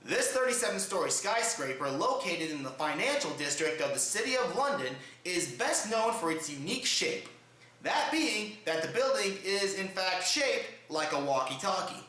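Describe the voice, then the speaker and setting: Very animated, his high voice pushed and bright at a normal speed, this man delivers comedic news commentary to camera as a theatrical, over-the-top show host. The home recording is roomy and heavy with echo.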